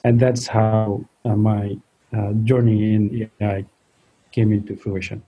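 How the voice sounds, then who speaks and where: A man from Nepal, a tech company founder, answering interview questions hesitantly with many fillers and some throat clearing. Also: fairly low pitch, little pitch movement, unhurried, highs cut off.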